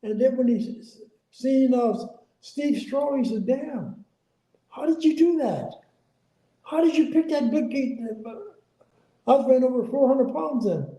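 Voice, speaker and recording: A man's voice: very high-pitched, animated, a little slow, mellow. An older man, a former wrestler, telling stories as an interview guest over a remote group voice call, repeating phrases for emphasis. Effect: heard over a remote group voice call. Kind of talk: casual anecdotal storytelling. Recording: echoey call audio.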